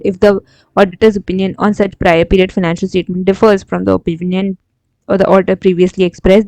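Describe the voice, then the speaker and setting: A woman with an Indian accent solving exam questions aloud as a teacher, reading options slowly in English and explaining quickly in Hindi. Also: mid-range voice, darkish tone, no echo, rough recording.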